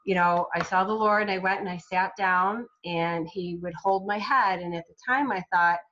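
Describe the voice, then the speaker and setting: A woman guest telling her personal faith story in an interview, halting, with frequent restarts, recovering from a brain injury. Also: medium pitch, fairly bright tone, highs cut off. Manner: halting, with many restarts and fillers. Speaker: guest, self-published author.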